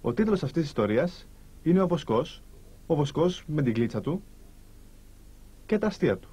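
A man telling a folk tale to listeners in a lively, animated voice, pausing between short phrases. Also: fairly high pitch, slightly rough. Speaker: storyteller. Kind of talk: storytelling to listeners.

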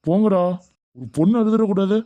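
A strict middle-aged college lecturer in a cartoon, voiced by a man, who scolds and presses for answers. His voice is dark and quick, and the recording is dry. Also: sits high, dry recording, muffled recording, lightly acted. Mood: stern. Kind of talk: animated cartoon dubbing.

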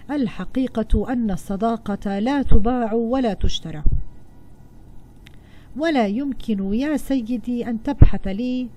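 A woman teacher voicing a calm wise old man who gives measured advice, in a read-aloud storybook lesson. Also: medium pitch, a little hiss or hum, close to an everyday voice.

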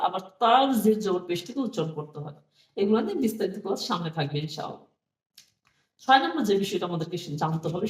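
Man teaching slowly in an echoey room. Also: sits high, a little mellow, distant mic. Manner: slow, deliberate explanations, repeats each rule and often says "হ্যাঁ". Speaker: Quran reading teacher. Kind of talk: classroom-style lesson with chanted mnemonic rhymes. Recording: echoey room, voice somewhat off-mic.

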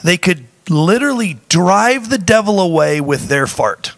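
A man co-hosting a casual talk show, running a quiz with a playful, laughing manner. His voice sits a bit high and sounds close and dry, with no room around it. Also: animated, a little slow, gravelly, fairly bright tone, dry recording. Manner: playful, repeats questions, laughs often. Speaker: co-host. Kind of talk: casual chat, quiz questions.

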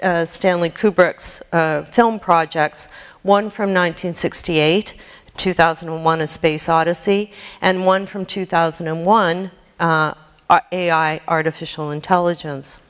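Female keynote lecturer, lowish, smooth voice, measured reading, reverberant hall. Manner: measured reading with occasional slips and restarts. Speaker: keynote speaker. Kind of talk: academic lecture reading prepared text. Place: lecture hall with projected slides.

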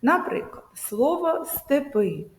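A woman teacher giving a video lesson to children, speaking slowly and emphatically and drawing out example words. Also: high voice, big pitch swings. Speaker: primary school teacher. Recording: echoey room with long reverb.

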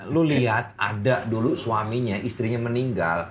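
A male host in a relaxed chat, playful and laughing often. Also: medium pitch, normal speed, a crowd in the background. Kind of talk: casual chat.

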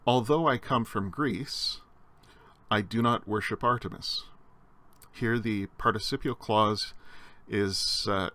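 A man's voice: fairly low pitch, takes it slowly, long pauses, bright, forceful tone. A man giving a recorded slide lecture on Greek grammar, explaining step by step with frequent fillers and restarts.

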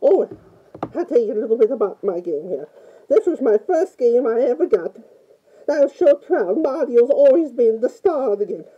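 A woman's slightly high, husky, sing-song voice moves at a normal speed as she impersonates a timid Italian plumber with a put-on accent. As a fan playing this game character, she rambles anxiously through a review, full of "oh" and "mamma mia." The sound is lo-fi.

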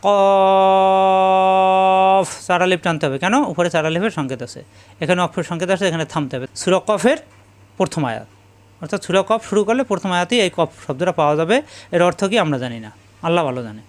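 A man teaching Quran letter pronunciation step by step, drilling each letter slowly and chanting drawn-out Arabic sounds. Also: a little high, animated. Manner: slow, drilling letter sounds one by one and repeating them.

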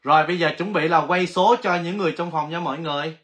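A man hosting a casual livestream giveaway, chatty and excitable, exclaiming often. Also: a little high, fast talker. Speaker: livestream host.

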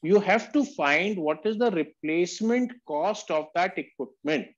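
A man's voice: high-pitched, animated, a little slow. A man teaching on an online call, explaining emphatically and addressing listeners as sir. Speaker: valuation instructor. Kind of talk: explanatory online lecture with questions and answers. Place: online group video call. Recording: dull lo-fi video call audio.

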